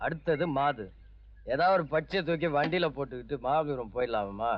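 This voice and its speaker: A man's voice: fairly high pitch, brisk, close to an everyday voice. An actor playing a drunk, arrogant young man who leers at women with sly swagger. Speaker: [name]. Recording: dull old film soundtrack with music.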